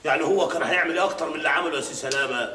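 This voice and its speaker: A man's voice: on the high side, very fast, pushed and bright, a little hiss or hum. An actor with an Egyptian accent playing a blunt, defiant working-class man in a vintage drama. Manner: brusque, impatient. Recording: echoey old archive with light music.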